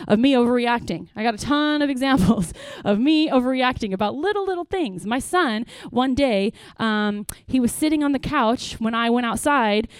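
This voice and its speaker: A middle-aged woman pastor giving an earnest, lively workshop talk to parents, with praise asides and acted-out stories. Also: fairly high pitch, normal speed, hardly any pauses, smooth, dry recording. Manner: lively storytelling, acts out quotes with bursts.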